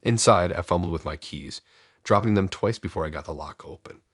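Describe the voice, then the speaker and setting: Very deep, husky male narrator. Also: a little fast, no room sound, clean studio sound. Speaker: horror story narrator. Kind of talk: scripted first-person narration.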